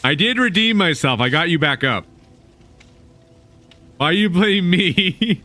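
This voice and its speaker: A young man with a bright, forceful voice, talking casually with viewers during a game stream. His pitch sits a little above the usual for a man, and he laughs easily between remarks. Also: animated, slow pace, faint music behind. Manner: laughs often, chats with viewers. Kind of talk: casual gaming stream chat.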